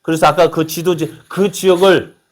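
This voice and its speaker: A man's voice: on the high side, fairly even intonation, moderate pace. A male pastor preaching a sermon, asking the congregation questions and answering them himself, and reading scripture aloud in a raised voice. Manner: acts out quoted mocking voices.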